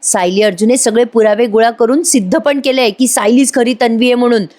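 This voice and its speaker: A woman's voice: a little high, a little fast, darkish tone, natural voice. A woman voicing a nervous young male accomplice who delivers bad news urgently. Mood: grim.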